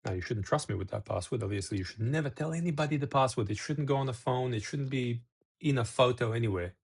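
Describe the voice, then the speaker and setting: Talking to the camera in a relaxed video, a middle-aged man from Serbia wanders through his points, restarting and going off on tangents. He speaks fast in a mid-range voice that's creaky and slightly rough.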